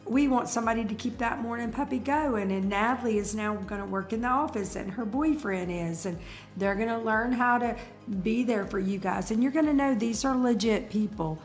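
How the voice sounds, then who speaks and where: A woman's voice: fairly high pitch, moderate pace, soft background music. A middle-aged woman, co-hosting a casual live chat and telling stories with emphatic energy. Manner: animated storyteller, emphatic. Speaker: co-host of a breeder's live chat.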